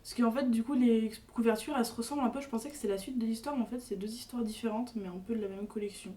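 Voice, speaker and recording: A woman's voice: a little high, steady tone, very fast, dark tone, far from the mic. A young woman presenting a book on a podcast in casual chat, hesitant with many fillers and restarts. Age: young adult.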